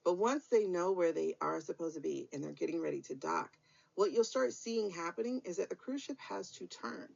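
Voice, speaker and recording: A woman's voice: fairly low pitch, animated, normal speed, creaky, darkish tone. An American woman giving a weekly tarot reading in a casual, blunt, encouraging way, with some mild swearing. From United States. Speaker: tarot reader. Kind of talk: casual spiritual guidance chat. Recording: dull lo-fi recording.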